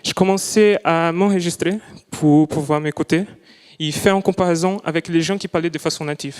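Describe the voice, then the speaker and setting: A man's voice: on the high side, steady tone, moderate pace, darkish tone, clean tone. A young man whose first language is not French, presenting his student project live in a lecture hall, speaking carefully and often restarting as he searches for words. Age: young adult. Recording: long hall reverb.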